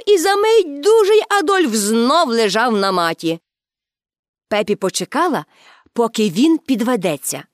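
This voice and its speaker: Lively woman reading a children's story. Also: on the high side, no room sound, studio quality. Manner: lively and expressive. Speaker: narrator.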